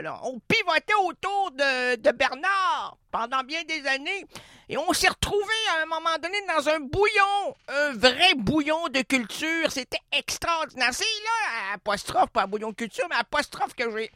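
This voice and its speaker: A man's voice: very high voice, animated, moderate pace, pushed and bright, dry recording, clean studio sound, pitched above the performer's own voice, exaggerated voice. A man doing a chatty old grandma. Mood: nostalgic. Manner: chatty, rambling, calls listener "young man". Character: doting old grandmother reminiscing.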